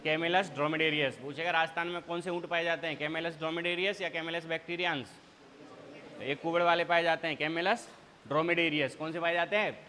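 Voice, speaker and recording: A man's voice: on the high side, steady tone, fast, sharp tone. A male teacher giving an exam revision lecture, asking a question, answering it, then asking again. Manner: quizzing students with repeated call-and-response questions. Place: classroom. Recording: hall reverb.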